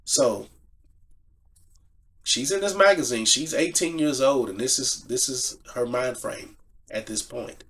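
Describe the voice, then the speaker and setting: A man's voice: medium pitch, a little slow, pauses often, fairly bright tone. A man giving casual sports commentary, emphatic, restating phrases to drive each point home. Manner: emphatic, repeats phrases for stress.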